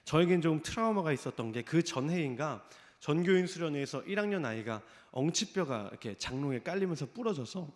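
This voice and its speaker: Lively preacher in a reverberant hall. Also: male voice, on the high side. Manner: storytelling, acts out quoted voices. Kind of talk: sermon. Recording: long reverb of a church hall.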